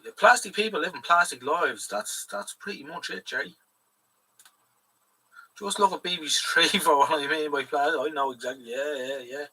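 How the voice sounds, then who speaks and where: A slightly high voice, pushed and bright with a breathy edge, moves at normal speed. It's an Irish livestream host rambling casually and swearing freely, somewhat distant from the mic.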